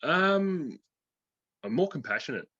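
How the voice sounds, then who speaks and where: A man's voice: on the high side, sing-song, takes it slowly, a bit bright, dry recording. A man, giving a casual interview in slangy, laid-back speech. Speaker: interviewee, programme graduate. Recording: dull lo-fi call audio.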